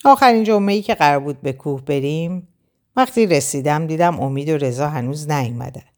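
Low-voiced woman reading a novel aloud. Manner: expressive, storytelling. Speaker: audiobook narrator. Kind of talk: first-person novel reading.

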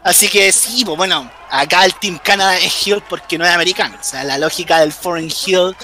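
A man's voice: high-pitched, fairly quick, sharp tone. A man with a Chilean accent doing casual wrestling commentary in a slangy, jokey, enthusiastic fan's way. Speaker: wrestling commentator, podcast host.

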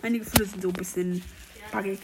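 A woman casually commenting while opening rewards in a mobile game, excitable and slangy, swinging between quiet counting and loud outbursts. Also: medium pitch, fast talker, background noise. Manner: uses youth slang. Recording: game music playing underneath.

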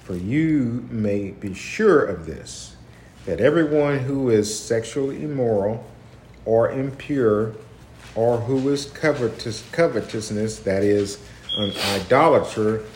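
A man hosting a casual livestreamed Bible study at home, chatting and then reading scripture slowly with emphasis. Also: mid-range voice. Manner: slow, deliberate reading with emphasis. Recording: echoey room, faint background noise.

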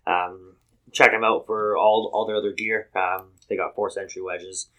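Co-host guy, lowish voice but bright, lots of ums, easygoing sponsor plugs. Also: little pitch movement, low-quality recording. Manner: halting, many fillers, reads sponsor plugs. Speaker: podcast co-host. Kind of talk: casual podcast chat.

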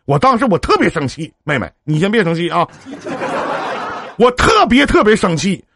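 A man's voice: high-pitched, huge pitch swings, normal speed, vocal fry, background noise. A man with a Northeastern Mandarin accent hosting a live-stream relationship advice show, chatting on the phone in a brash, joking, big-brotherly way. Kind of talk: casual phone counseling chat on a live stream.

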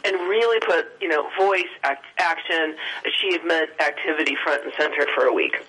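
A woman talking over the phone as an event organizer, pausing often with filler sounds. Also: low-pitched, bright, forceful tone, rough recording. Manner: hesitant, many filler sounds. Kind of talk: phone-in interview.

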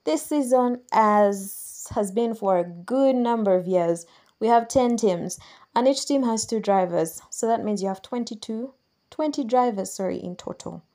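A woman's voice: a little high, a little slow, warm tone. A Ugandan woman hosting a solo podcast, chatting and explaining things patiently for newcomers, correcting her own slips as she goes. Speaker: podcast host.

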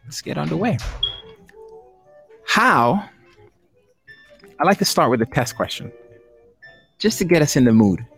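A man's voice: fairly high pitch, sing-song, a little slow, gravelly, pauses often, fairly bright tone, soft background music. Laughing, chatty male game host. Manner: chatty, jokey, laughs often. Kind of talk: casual hosting of an online trivia game.

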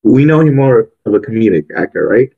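Male podcast co-host, husky lower voice, animated casual storyteller. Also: fairly quick, narrow, tinny audio. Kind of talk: casual movie review chat.

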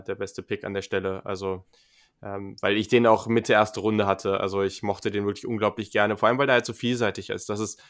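A man talking casually and enthusiastically as a panelist on a sports podcast, with frequent fillers. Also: fairly low pitch.

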